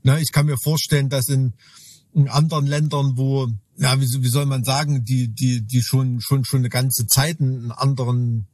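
Husky man, dry close sound, rambling podcast co-host full of restarts. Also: medium pitch, little pitch movement, moderate pace, darkish tone, no echo. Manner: rambling, many restarts, tag questions. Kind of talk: casual chat.

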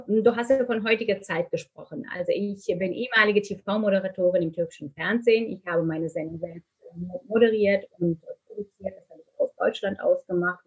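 A middle-aged woman from Turkey talks in an interview in an earnest, open way. Her voice is husky and a little breathy, sitting in a middle range. She fills pauses with hesitations as she speaks. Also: mid-range voice, dull audio. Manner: earnest, candid, many fillers. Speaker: guest, speaker and author. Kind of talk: conversational interview.

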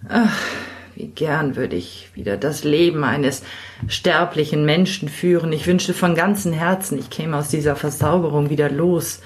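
Woman playing a storybook enchanted knight, low voice, slow, gentle, sorrowful. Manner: gentle and sorrowful, softly spoken. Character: melancholy enchanted young knight. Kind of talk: fairy tale reading.

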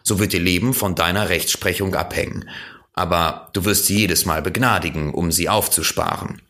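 A very old, self-important king who talks in a stately, commanding way, his low voice sitting a little higher than the narration, as a man reads him. It comes from a storybook reading. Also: fairly even intonation, normal speed, sharp tone.

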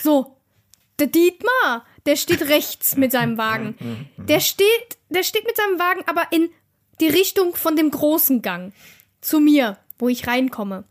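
A woman's voice: high voice, sing-song, a little slow. A young woman co-hosting a podcast, chatting casually and telling a story with lots of fillers and restarts. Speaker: podcast co-host. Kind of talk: casual chat.

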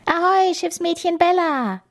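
A woman voicing a bearded pirate captain in a storybook, loud and blustering. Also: high-pitched, expressive, a little slow, pitched above the performer's own voice.

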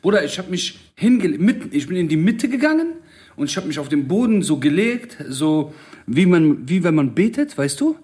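A man in his thirties, co-hosting a casual chat and telling stories in a slangy, animated way. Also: a little high, moderate pace. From Germany. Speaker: podcast co-host.

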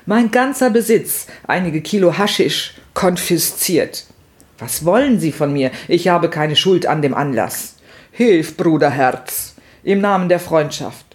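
A man's voice: fairly high pitch, animated, pitched above the performer's own voice. A man doing a pleading jailed smuggler. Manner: pleading, halting, theatrical. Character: jailed male smuggler, pleading, broken German.

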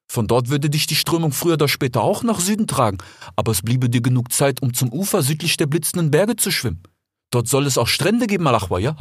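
Man doing a husky, sing-song desert fox hustler, buddy-buddy and persuasive; lively up-and-down delivery. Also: mid-range voice, no echo, clean studio sound. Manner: chatty, keeps tagging "ja?" and "ich schwör". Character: smooth-talking male desert fox, chummy and persuasive. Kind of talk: audiobook character voice.

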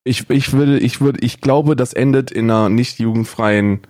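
A man's voice: mid-range voice, normal speed, darkish tone, dry recording, clean studio sound. A man co-hosting a casual chat, amused and eager to explain things. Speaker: co-host.

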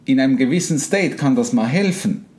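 Animated man explaining. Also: mid-range voice, a little fast. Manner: animated, acts out inner voices and quotes. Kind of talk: casual explanatory conversation.

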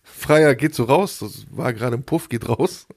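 A man's voice: medium pitch, measured pace, gravelly, a little mellow. A young man co-hosting a casual podcast, telling anecdotes, laughing at his own jokes and mimicking other people's voices. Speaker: podcast co-host. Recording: remote call audio.

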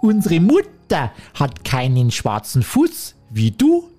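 A woman voicing little goat kids in a fairy tale, with a very high squeaky childish voice. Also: wildly swooping pitch, takes it slowly, warm tone, heavily acted. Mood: defiant.

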